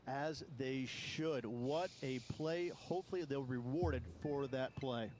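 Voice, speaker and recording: A man giving measured, explanatory colour commentary in a golf video game. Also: mid-range voice, background noise, natural voice. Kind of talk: sports commentary.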